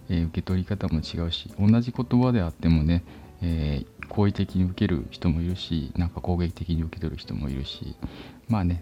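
A man's voice: low voice, creaky, dark tone. A man hosting a casual solo chat show, rambling with many fillers and sometimes dropping to a whisper. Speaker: podcast host. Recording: dull lo-fi phone recording.

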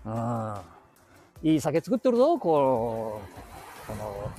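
A man's voice: medium pitch, huge pitch swings, slow pace, mellow. A man in his seventies with a Nagoya dialect, chatting to himself in a rambling monologue while walking outdoors, full of chuckles and asides. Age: 70s. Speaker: podcast host. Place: walking outdoors and inside a bank ATM booth.

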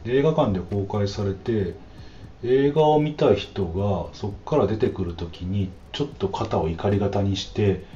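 A man hosting a casual solo podcast, talking in a chatty way with frequent drawn-out "um" fillers. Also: lowish voice, mellow, echoey room, dull audio, a little hiss or hum. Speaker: podcast host.

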